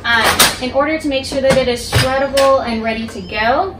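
Young woman walking thru a recipe at home, kinda high voice, mic far off, roomy kitchen sound. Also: moderate pace. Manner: clear, instructive, addresses viewer directly. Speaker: cooking instructor. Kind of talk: step-by-step cooking demonstration. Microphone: camera across the kitchen. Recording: echoey kitchen, voice from off-mic, household noise.

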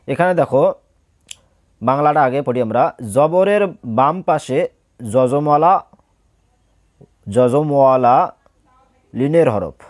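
A man's voice: mid-range voice, a little mellow, dry recording, studio quality. A Bangladeshi Bengali-accented man teaching Quran reading, drilling syllables patiently and answering his own questions. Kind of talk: step-by-step recitation lesson.

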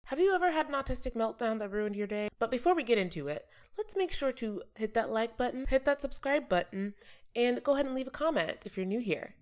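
A woman hosting her own vlog, talking in a playful, animated way with jokey asides and big swings in pitch and loudness. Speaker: vlog host. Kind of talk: casual commentary vlog.

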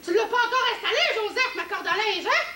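A woman's voice: extremely high pitch, fairly quick, noisy background. A woman with a Québécois accent acting on stage as a complaining housewife nagging her husband. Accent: Québécois French. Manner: whiny, complaining. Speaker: stage actor. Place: theatre stage. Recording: echoey stage audio.

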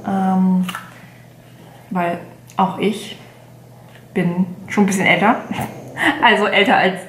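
A woman in her late twenties talks through a shopping haul in a relaxed, rambling way, full of little fillers and self-corrections. Her voice sits at an ordinary middle pitch. It is recorded by a camera at desk distance in a room with a clear echo and a faint hum of room noise. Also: takes it slowly. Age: 20s. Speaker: beauty vlogger. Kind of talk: casual haul vlog. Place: bedroom at home, indoors.

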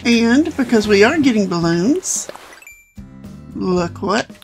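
A woman's voice: mid-range voice, expressive, takes it slowly, faint music behind. An older woman hosting a gaming channel, chatting casually as she plays and talking to the characters. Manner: chatty, talks to game characters. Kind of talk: casual gameplay commentary.

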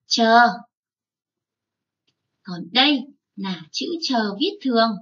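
A woman teaching young children, spelling out sounds slowly and drawing out each syllable. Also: on the high side, lively intonation, a bit bright, recorded from a distance, dull audio. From Vietnam. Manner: slow, drawn-out spelling aloud. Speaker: first-grade teacher.

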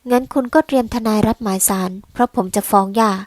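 A woman voicing a cold, detached older wealthy husband who speaks in a flat, measured way. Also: fairly high pitch, no echo, close to an everyday voice.

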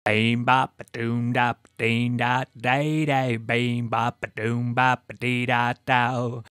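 A scat-singing game monster. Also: male voice, medium pitch, flat delivery, takes it slowly, a bit bright. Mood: bouncy singing. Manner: scat-singing nonsense syllables. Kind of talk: game character song.

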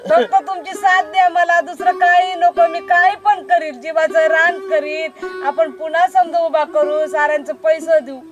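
A woman's voice: extremely high pitch, steady tone, moderate pace. A woman playing a devoted farmer's wife, pleading with and soothing her husband again and again. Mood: comforting. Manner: pleading, soothing, repeats "dhani". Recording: music playing behind. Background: music.

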